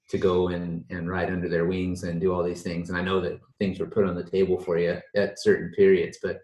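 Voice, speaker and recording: A man's voice: deep voice, a little mellow. An American man hosting a casual chat, rambling easily with restarts, recorded in an echoey room. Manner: laid-back, rambling with restarts. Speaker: host.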